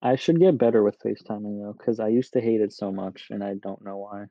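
A man's voice: on the low side, fairly quick, no room sound. Laid-back man, dull lo-fi sound. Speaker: podcast guest.

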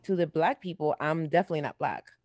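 A young woman born outside the US, with a light Latin American accent, co-hosts a podcast in a casual chat, rambling with plenty of fillers and restarts. Her voice sits low and is a little mellow, she talks quickly, and the studio recording is dry and clean.

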